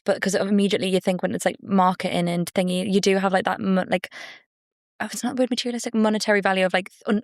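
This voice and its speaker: A woman's voice: medium pitch, no room sound, clean studio sound. A woman hosting a podcast, rambling playfully in casual chat, full of fillers and restarts. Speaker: podcast host.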